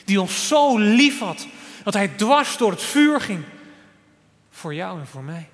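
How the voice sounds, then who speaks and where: A man delivers a sermon with a fairly high, unhurried voice. He leans hard on key words, then drops to a quiet, soft tone. The long reverb of a church hall trails after each phrase. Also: very animated. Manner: earnest preaching, swings between loud emphasis and soft quiet lines. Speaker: preacher.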